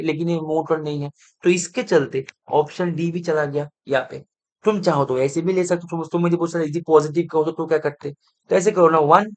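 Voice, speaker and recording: A man teaching math in a live online lecture, speaking. He talks students through each step and keeps coaxing them to answer and confirm that they follow. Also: on the high side.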